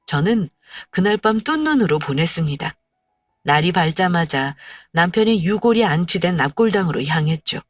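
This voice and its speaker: A woman's voice: lowish voice, dry recording. A woman narrating a first-person story in a heartfelt, tearful manner, recorded from a distance over faint music. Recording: distant mic, dry sound, faint music.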